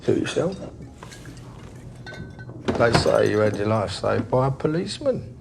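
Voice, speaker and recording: Gravelly, volatile gangster. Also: male voice, medium pitch, sing-song, a little slow, noisy background, heavily acted. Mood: menacing. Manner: rambling, swings from loud jovial bluster to menacing whispers. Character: volatile London gangster, bakery-distillery boss, middle-aged man.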